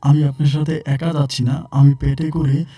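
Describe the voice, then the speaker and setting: A secretive young woman who insists bluntly and repeats her demands, a man reading her lines. The voice stays dark and husky, a little lower and softer than his own telling. It sounds like a spoken real-life story. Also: little pitch movement, moderate pace, natural voice.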